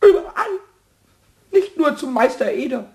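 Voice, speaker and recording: In a German radio play, an actor voices a small, childlike male kobold who is cheeky, stubborn, and excitable, with a squeaky full character voice. He sounds hurt and defiant, speaking unhurriedly, repeating himself, and turning sing-song when he rhymes.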